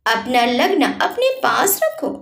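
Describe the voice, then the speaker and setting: A woman's voice: high voice, sing-song, takes it slowly, creaky, reverberant, heavily acted. A woman voicing a curt, irritated young man in a narrated story. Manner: curt, snapping.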